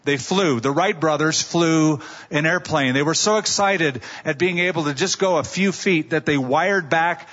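A pastor delivering a sermon at a pulpit microphone, telling stories in a conversational way and asking rhetorical questions. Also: male voice, on the high side, normal speed, few pauses, fairly bright tone, long reverb tail, lo-fi sound.

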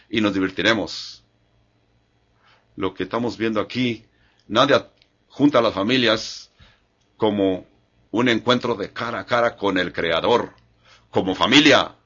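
A man's voice: lowish voice, a bit bright, highs cut off. An older man preaching a sermon in Spanish-language church style, earnest and repetitive, often restarting his phrases.

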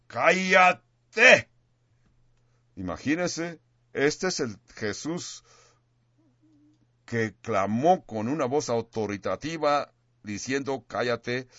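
A man's voice: medium pitch, fairly bright tone, dry recording, muffled recording. A male pastor preaching a sermon, stressing words and repeating phrases for effect, sometimes restarting a word mid-sentence.

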